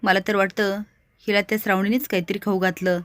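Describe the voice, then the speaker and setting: A woman's voice: level tone, quick pace, natural voice. A woman playing a spiteful, taunting woman. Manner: taunting, shrill. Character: quarrelsome, spiteful woman living off the family.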